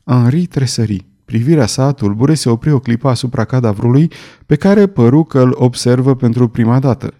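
Audiobook narrator, a man with a dark, mellow voice, reading theatrically and expressively. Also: mid-range voice, animated.

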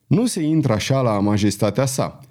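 A man's voice: mid-range voice, lively intonation, dark tone, close to an everyday voice. A man reading aloud, voicing an eager, obliging royal officer.

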